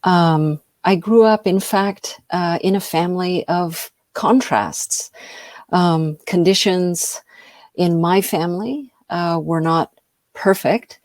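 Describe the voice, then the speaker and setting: Low-voiced woman giving an informal talk. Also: slow, a little mellow, no room sound, studio quality. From United States. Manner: hesitant, many ums and uhs. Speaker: invited speaker. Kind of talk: informal lecture over a video call.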